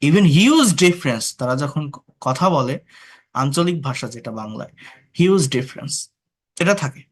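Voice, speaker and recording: A man's voice: medium pitch, moderate pace. A man from Bangladesh teaching an online English class, explaining patiently, asking the class rhetorical questions and mixing English words into his talk. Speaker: English tutor.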